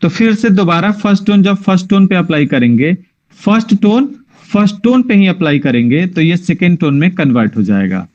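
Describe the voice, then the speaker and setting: A man's voice: sits high, animated, fairly quick, a little mellow. Patient male drawing teacher, lo-fi. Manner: patient, checks often that students follow. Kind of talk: online class instruction. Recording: muffled lo-fi online class audio.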